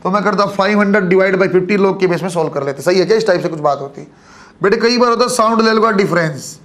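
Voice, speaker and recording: A man with a high-pitched voice and a Haryanvi Hindi accent lectures on physics to a class. He speaks in a steady classroom style, keeps calling his students "kids" and checks in with them as he explains. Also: quick pace. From Haryana, India. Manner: addresses students as kids, frequent check-ins. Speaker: physics teacher.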